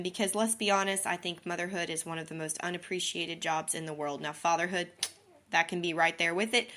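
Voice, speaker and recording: A young woman from Missouri with a southern accent hosts her own podcast, chatting casually and rambling with plenty of fillers. Her voice is fairly low in pitch with a fairly bright tone.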